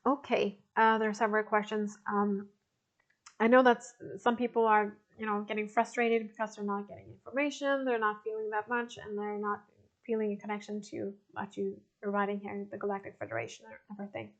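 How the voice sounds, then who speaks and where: A woman in her forties, a spiritual teacher talking casually and haltingly to a group, with frequent restarts and soft laughs. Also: medium pitch, level tone, muffled recording. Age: 40s. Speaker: spiritual teacher answering participant questions. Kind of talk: casual talk to an online group.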